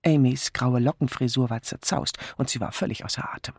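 A reader narrating a mystery audiobook in a measured, expressive storytelling manner. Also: mid-range voice, gravelly, slightly rough, no echo, studio quality. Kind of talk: scripted narration.

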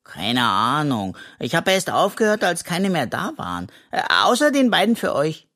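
A reader voicing an excitable, boastful little male raccoon in a children's audiobook, with a hissing, conspiratorial manner. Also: mid-range voice, normal speed, pitched above the performer's own voice. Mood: excited. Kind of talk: children's audiobook role reading.

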